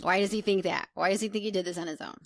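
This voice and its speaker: A woman's voice: mid-range voice, fairly even intonation, rapid-fire. A woman in casual, reactive chat as a co-host, agreeable and often echoing what she hears. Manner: agreeable, echoing the other speaker.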